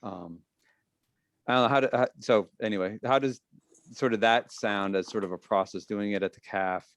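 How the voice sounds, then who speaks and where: A man leading a public meeting discussion, explaining procedures in a halting way and often repeating his phrases. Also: on the low side, a bit bright. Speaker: meeting leader, school official.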